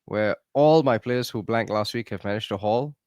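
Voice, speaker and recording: A man's voice: fairly low pitch, normal speed, a little mellow, clean tone, no room sound, clean studio sound. A man hosting a podcast in casual chat, upbeat and teasing, keeping things moving. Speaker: podcast host.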